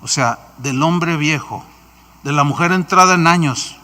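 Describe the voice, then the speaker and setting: A man with a Mexican accent preaches with an animated storytelling manner. His voice sits high and sounds bright. A long hall reverb rings behind every phrase. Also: unhurried. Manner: animated storytelling, acts out quotes. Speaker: pastor. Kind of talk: sermon.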